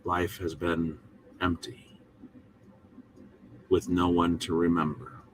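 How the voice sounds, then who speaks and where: A man teaching the Bible in a short devotional, speaking in a folksy, emphatic manner with pauses between short phrases. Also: sits low, little pitch movement, slight background noise.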